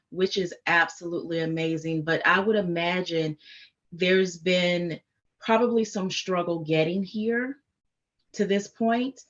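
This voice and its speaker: A woman's voice: on the low side, fairly bright tone, dull audio. A woman from the United States hosting a podcast interview, affirming and encouraging her guest. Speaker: podcast host.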